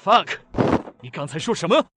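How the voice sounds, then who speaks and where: A man voicing an arrogant, hot-tempered British general, shouting in a raised, furious voice. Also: high voice, sing-song, normal speed, noisy background, voice pushed up.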